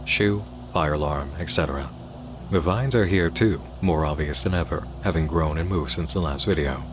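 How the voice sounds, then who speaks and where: Very deep-voiced man narrating over noise. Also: normal speed. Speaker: video essay narrator. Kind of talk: scripted analytical narration. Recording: clear background noise under voice.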